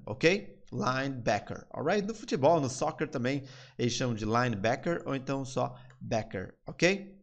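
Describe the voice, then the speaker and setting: A man with a Brazilian Portuguese accent leads a live online English lesson. He explains each phrase in an ordinary mid-range voice and repeats the English lines slowly for his students. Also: mid-range voice. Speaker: English teacher.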